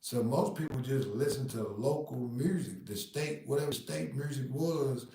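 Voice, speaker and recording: A man's voice: medium pitch, moderate pace, dark tone, far from the mic. Laid-back Southern man in an echoey room. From Nashville, Tennessee. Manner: laid-back, repeats "man" and "you know what I mean". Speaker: podcast host. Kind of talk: casual monologue.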